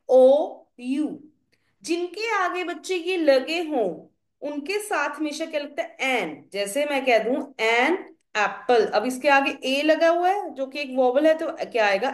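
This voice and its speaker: A young woman teacher, explaining grammar slowly and asking her students questions. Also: high voice. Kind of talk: classroom grammar lesson. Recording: echoey room.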